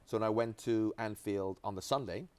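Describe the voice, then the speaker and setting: A Jamaican man in his forties, once a footballer, chats easily as an interview guest, spinning long stories full of restarts and asides. His voice is lowish and a little mellow, at a normal pace, with no room sound.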